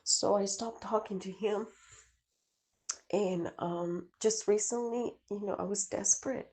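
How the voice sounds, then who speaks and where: A woman's voice: medium pitch, unhurried, a little mellow. A woman telling her own story in a casual, hesitant way, restarting often and pleading earnestly as a struggling single mother. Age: adult, mother of two. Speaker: caller seeking spiritual advice. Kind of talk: personal account, casual.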